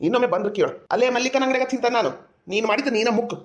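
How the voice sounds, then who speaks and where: A woman with a North Karnataka Kannada accent acting in a village comedy sketch, grumbling and complaining with rapid-fire retorts. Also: fairly high pitch.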